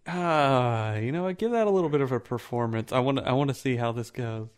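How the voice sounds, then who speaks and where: A man's voice: mid-range voice, a little fast. A man narrating a tabletop game as game master, in a loose, laughing way.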